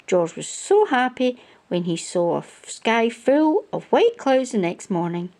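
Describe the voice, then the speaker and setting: The children's storytime host reads from a picture book in a gentle, mellow voice of medium pitch. Her pace through the sentences is slow, while her intonation swings with lively storyteller rises and falls.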